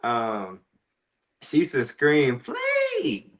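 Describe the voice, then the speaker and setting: A man co-hosting a casual faith and relationship talk show, telling stories with animated restarts. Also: medium pitch, fairly quick. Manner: animated storytelling, frequent restarts. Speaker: podcast co-host.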